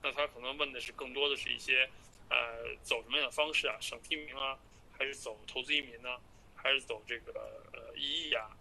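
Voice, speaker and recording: Fast-talking man on a phone call, bright voice. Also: medium pitch, fairly even intonation, creaky. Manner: halting and repetitive, stammering over words. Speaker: immigration and study-abroad agent. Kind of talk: business phone call, explaining and reassuring a client. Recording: noisy recorded phone call.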